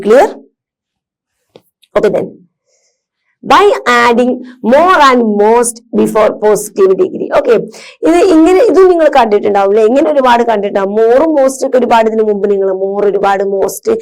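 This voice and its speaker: Pitched on the high side with a darkish tone, this woman patiently teaches children grammar in Malayalam sprinkled with English terms, posing questions and then answering them herself.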